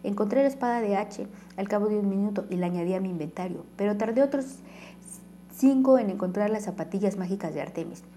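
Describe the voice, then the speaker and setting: A woman's voice: mid-range voice, fast, warm tone, slight background noise. A woman narrating a first-person novel aloud, reading dialogue with light shifts and sometimes stumbling and restarting. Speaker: audiobook narrator.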